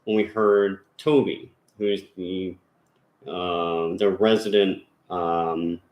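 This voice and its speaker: A man with a fairly low voice hosts a ghost-hunting channel from his home. He talks casually and rambles, stopping and restarting with plenty of fillers. The room gives his voice a noticeable echo. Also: fairly even intonation, slow pace, dull audio. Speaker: paranormal investigator channel host. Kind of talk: casual chat. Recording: roomy echo.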